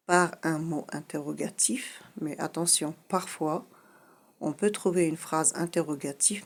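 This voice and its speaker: A woman teaching a French grammar lesson, explaining patiently and repeating her key points, often pausing on "voilà". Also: deep voice.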